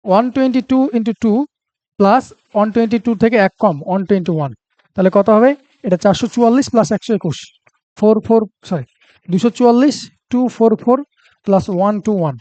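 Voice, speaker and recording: A man's voice: sits high, fast talker, warm tone, no echo. A man with a Bengali accent teaching a reasoning lesson for exam prep, talking through each step aloud and checking that students follow.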